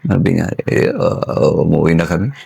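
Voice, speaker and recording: An older man, a former soldier, telling his story in a casual interview and acting out the dialogue with lively, raised voices. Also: low-pitched, normal speed, creaky, slightly rough. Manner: animated, acts out quoted dialogue in a raised voice.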